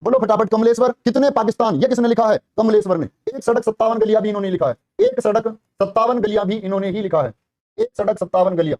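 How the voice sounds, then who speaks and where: A man teaching a live online class for a police exam. He quizzes students rapidly, repeats each answer and praises them warmly, calling them brother and child. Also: high voice, dry recording.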